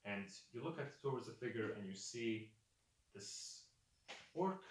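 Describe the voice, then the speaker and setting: A man's voice: mid-range voice, lively intonation, measured pace, slight background noise. A man narrating as game master of a tabletop game, in a loose, hesitant manner full of fillers. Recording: echoey room, distant mic, faint music.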